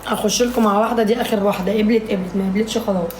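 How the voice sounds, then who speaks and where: A woman's voice: medium pitch, fairly even intonation, racing, darkish tone, a little hiss or hum. A woman with an Egyptian Arabic accent chatting on a casual livestream, bickering and complaining at her viewers. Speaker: live streamer. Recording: echoey room.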